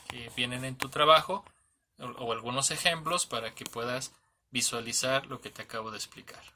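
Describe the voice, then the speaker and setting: A man gives a casual online grammar lesson in a very bright, sharp-edged voice. He talks in a patient, teacherly way, spells out letters one by one, and keeps checking that the listener follows. His pitch sits in an ordinary middle range. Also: a little hiss or hum. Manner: patient, checks in often with "¿sale?" and "¿ok?"; spells out letters slowly, restarts and corrects himself. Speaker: English teacher.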